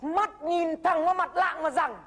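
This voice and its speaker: A woman's voice: extremely high pitch, fairly even intonation, measured pace, fairly bright tone, slight background noise. A woman playing a cocky, bossy older-brother mentor who lectures. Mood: lecturing. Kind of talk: comedy sketch acting.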